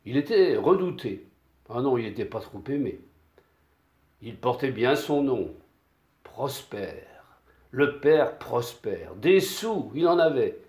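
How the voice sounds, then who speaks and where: A man telling a folk tale in a slow, deliberate way with pauses. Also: medium pitch, sing-song, a little mellow. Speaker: storyteller. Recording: echoey room.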